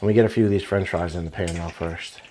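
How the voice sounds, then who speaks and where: A man's voice: low-pitched, fairly even intonation, fast, a little mellow, a little hiss or hum. Folksy man chatting over sizzling frying. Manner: folksy, chatty, addresses viewers as guys. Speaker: cooking vlog host. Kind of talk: casual cooking vlog, talking while frying. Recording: clear frying sizzle, uneven mic level. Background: sizzling oil in a frying pan.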